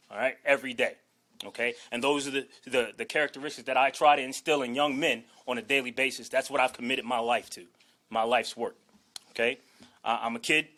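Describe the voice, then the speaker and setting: The voice is medium-pitched and a bit bright. It's a forty-something man from Washington, D.C., newly hired as head football coach, making an introductory press conference speech that's emphatic and earnest, emotion restrained, his lines often capped with "okay?" or "all right?"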